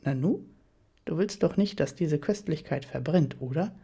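A woman voicing a dominant, commanding man in an erotic audiobook, speaking in a low, teasing murmur. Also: expressive, normal speed, mellow, slightly rough, exaggerated voice. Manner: low, teasing, bossy murmur near the ear.

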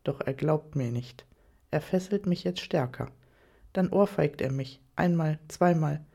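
Slow, mellow woman reading an erotic story. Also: sits low, gravelly, breathy edge. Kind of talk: erotic audio story narration.

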